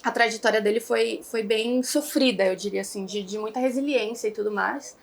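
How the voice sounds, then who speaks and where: Her voice a little high and creaky, a young Brazilian woman speaks briskly as an interview guest. She founded an online English school, and her talk is casual, chatty and rambling, with lots of fillers.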